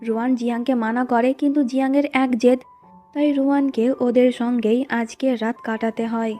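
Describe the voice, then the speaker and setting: A woman's voice: on the high side, steady tone, normal speed, warm tone, faint music behind. A woman narrating and recapping the plot of a drama in a plain storytelling way, reading the characters' lines in her own voice. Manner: plain recounting, reads quoted lines in the same voice.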